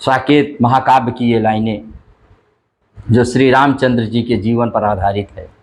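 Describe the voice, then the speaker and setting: A man teaching a literature class, reciting verse slowly and then explaining it in lively rising tones. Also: medium pitch. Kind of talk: Hindi literature lesson explaining a poem.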